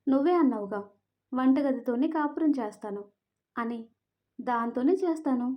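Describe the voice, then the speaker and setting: A woman voicing a young wife who pleads softly and tearfully. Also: high-pitched, lively intonation, normal speed, dull audio. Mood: sulky.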